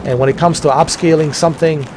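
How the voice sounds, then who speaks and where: A man's voice: on the high side, fairly even intonation, quick pace. Man giving casual gameplay commentary, faint game noise. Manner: repetitive, circling back over points. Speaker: gaming video host. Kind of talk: casual gameplay commentary, explaining technical details.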